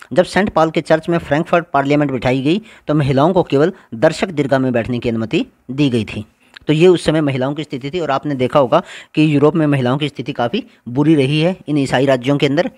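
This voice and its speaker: Guy teacher talking thru slides, kinda high voice, asks a question then answers it himself, dry close mic. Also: no room sound. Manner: explains step by step, asks and answers his own questions. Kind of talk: exam-prep lecture over slides.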